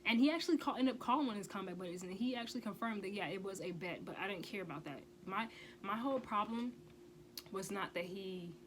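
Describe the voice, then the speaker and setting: A woman recounting a personal story in a casual storytime vlog, speaking at a middle pitch. Her delivery is emphatic and blunt, and she swears freely. She keeps pressing her points home with a rhetorical "okay?", with a faint hiss behind her. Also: fast, a bit bright, rough recording. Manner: emphatic, repeats "okay?" for stress. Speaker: vlogger.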